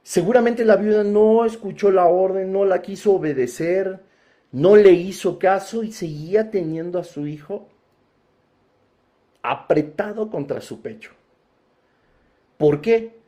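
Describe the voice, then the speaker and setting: A man preaching a Bible teaching sermon, emphatic, inviting listeners to picture each scene and swelling into loud, forceful passages. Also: sits high, a little slow, long pauses.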